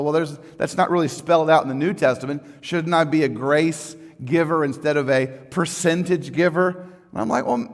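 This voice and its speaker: A man preaching a sermon as pastor, conversational and folksy, swinging from quiet asides to loud emphatic lines. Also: on the high side. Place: church sanctuary. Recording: church sanctuary with long reverb.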